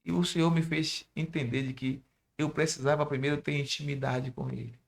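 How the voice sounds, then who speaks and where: A Brazilian missionary and pastor with a Bahian Portuguese accent gives his testimony in a church interview, preaching directly to the young listeners. He speaks a little fast in a level tone, his voice on the high side and creaky.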